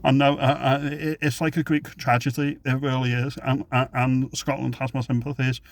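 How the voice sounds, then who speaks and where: Flat-voiced emphatic man from England. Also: medium pitch, normal speed, no echo. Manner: emphatic, repetitive restarts, dismissive. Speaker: vlogger giving opinions. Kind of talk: unscripted opinion monologue.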